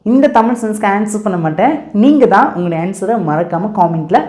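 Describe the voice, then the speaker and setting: A woman's voice: mid-range voice, animated, darkish tone. Woman teaching English, echoey room. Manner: repetitive, drilling with quick questions and answers. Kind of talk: casual teaching in Tamil and English.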